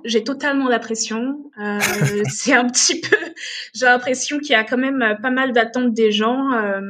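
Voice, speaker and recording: A woman's voice: a little high, fairly bright tone. A woman in her late twenties, from Togo and raised in Benin, talking as a podcast guest with many fillers and restarts. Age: late 20s. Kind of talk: casual podcast interview.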